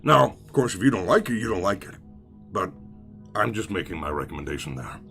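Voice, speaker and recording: A man's voice: low voice, sing-song, a little fast, creaky, fairly bright tone, faint music behind. A man streaming a game, chatting casually with his viewers, rambling, swearing freely and mocking himself. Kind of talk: casual live-stream chat while gaming.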